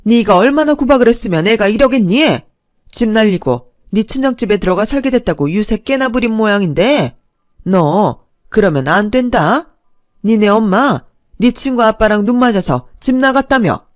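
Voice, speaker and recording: Woman playing a shrill older mother-in-law, sharp, contemptuous, loud nagging, dry close sound. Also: lively intonation, moderate pace, no echo, lightly acted. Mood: scornful.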